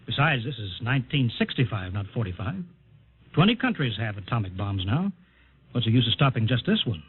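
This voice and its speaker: A harried base officer. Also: male voice, mid-range voice, big pitch swings, breathy edge. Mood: placating. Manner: brisk, placating, then pressed. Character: harried male base officer, trying to calm. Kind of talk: 1950s radio drama acting. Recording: tinny lo-fi old radio broadcast.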